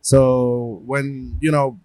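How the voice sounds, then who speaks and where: Appearing as an interview guest, a Puerto Rican gallerist whose first language is Spanish tells stories in a relaxed way, frequently repeating words as he searches for how to say things. He speaks extremely slowly in a mid-range, level, darkish voice, with no echo.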